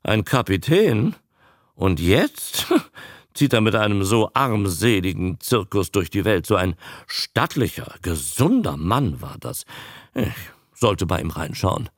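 A man voicing a kindly middle-aged gentleman who speaks with mild sympathy. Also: fairly low pitch, expressive, slow, vocal fry, no echo, clean studio sound, heavily acted. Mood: pitying.

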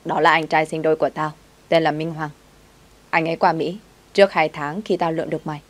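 Casting: a woman reading a gruff, bossy young master, low and scolding, storybook voice. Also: flat delivery, fairly quick, close to an everyday voice. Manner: scolding, commanding.

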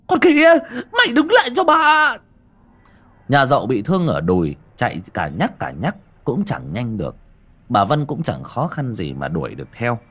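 Husky man telling a dramatic ghost story. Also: medium pitch.

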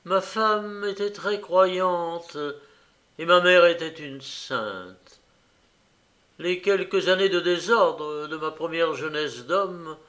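A man's voice: high voice, voice pushed up, full character voice. A man voicing an old, tormented gambler who turns desperate and furious. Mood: anguished. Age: older. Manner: anguished, rising to shouted rage.

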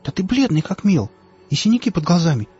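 A man's voice: sits high, very animated, a little fast, mellow, breathy edge, pitched above the performer's own voice, heavily acted. A man reading an audiobook voices a worried, insistent young woman who fusses over an injured friend. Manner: anxious, insistent. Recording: dull lo-fi audiobook, faint music.

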